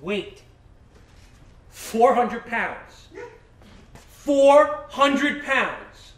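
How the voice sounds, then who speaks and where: A man's voice: sits high, animated, unhurried, a bit bright. An actor on a theater stage playing a flustered man who talks to himself in exasperated, rambling bursts, baffled by a giant frozen meatball. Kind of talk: live stage comedy acting. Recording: roomy stage sound from a distant mic, faint hiss.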